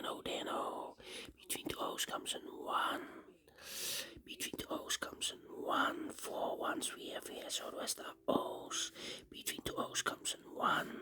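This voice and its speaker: A puzzle instructor who has lost their voice whispers hoarsely while explaining a solution, counting cells out loud and restating rule phrases. The voice is medium in pitch with a sharp tone.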